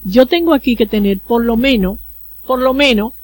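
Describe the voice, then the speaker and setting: Her voice a little high and her pace normal, a woman from the Dominican Republic explains procedures as a consular official on a radio interview. She speaks with a Dominican Spanish accent and earnestly offers everyday examples.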